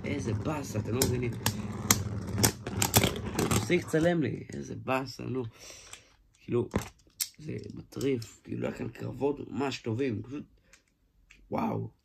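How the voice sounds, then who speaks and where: A man giving a casual hands-on toy review, excitable, exclaiming often and restarting his sentences. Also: mid-range voice, creaky, pauses often. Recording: noisy home recording with clicks.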